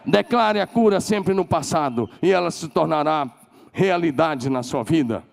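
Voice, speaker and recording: A man with a Brazilian Portuguese accent preaching a sermon as pastor, emphatic, leading call-and-response and climbing to shouted declarations. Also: on the high side, normal speed, vocal fry, a faint crowd. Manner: leads the congregation in call-and-response.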